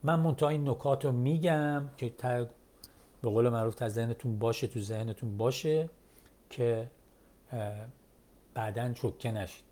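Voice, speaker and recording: A male English teacher who speaks Persian as his first language, explaining pronunciation step by step and repeating phrases slowly. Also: medium pitch, dark tone. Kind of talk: textbook English lesson.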